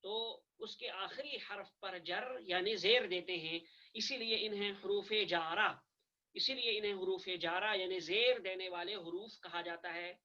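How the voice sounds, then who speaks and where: Patient male teacher, bright lo-fi voice. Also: high-pitched. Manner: patient, repeats and spells out each point. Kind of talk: online classroom lecture. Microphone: video call microphone.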